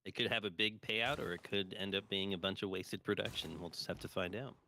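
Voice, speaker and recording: A man's voice: deep voice, fairly even intonation, brisk, pushed and bright, slight background noise. A man co-casting a live strategy game stream, explaining the rules in an upbeat way. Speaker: co-caster.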